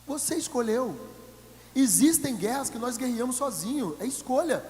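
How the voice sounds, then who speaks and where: Brazilian male pastor, high voice, booming hall, jokey sermon, mimics congregants. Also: lively intonation, moderate pace. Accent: Brazilian Portuguese. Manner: humorous, acts out congregants' voices; swings from shouted to quiet. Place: church hall.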